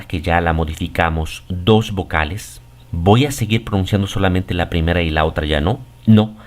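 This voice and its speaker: A man teaching English pronunciation, explaining patiently and often checking in with the listener. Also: fairly low pitch. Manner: says English example words slowly and deliberately. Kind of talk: pronunciation lesson.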